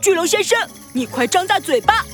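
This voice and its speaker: Squeaky eager little piggy hero kid, bouncy childlike voice, story music behind. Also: female voice, lively intonation, brisk. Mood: earnest, brave. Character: plucky, excitable little boy pig hero. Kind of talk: children's audio story acting.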